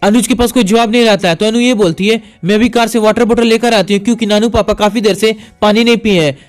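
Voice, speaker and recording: High-voiced man narrating a plot recap. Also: fast talker, faint music behind. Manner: repetitive, simple phrasing, quotes dialogue flatly. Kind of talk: plain storytelling recap.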